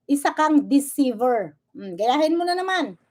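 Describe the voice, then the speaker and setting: A woman vlogger speaks in a fairly high voice, firing off a confrontational rant. She switches freely between Tagalog and English. She keeps jabbing at her target with "okay?" and "ha?". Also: sing-song, unhurried, a little mellow. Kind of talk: angry reaction rant.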